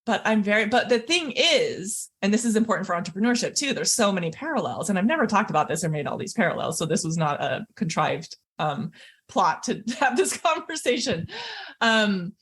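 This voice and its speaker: A middle-aged woman speaks as a guest on a podcast and tells her story with lively energy. She laughs often and acts out the people she quotes. Her voice sits at an ordinary pitch for a woman. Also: brisk, breathy edge.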